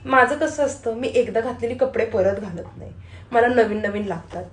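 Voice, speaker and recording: High-voiced woman bragging in a roomy echo. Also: moderate pace. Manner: boastful, tall-tale exaggeration with deadpan punchlines. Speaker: comedy creator. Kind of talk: comic bragging sketch monologue.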